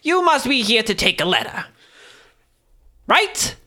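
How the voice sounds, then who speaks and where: A man voicing a busy, dismissive woman scribe in a tabletop game, with a strained voice stuck at a high pitch. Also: very animated, a little slow, bright, forceful tone, heavily acted. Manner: curt, dismissive, distracted. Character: brusque, busy woman scribe hidden behind books.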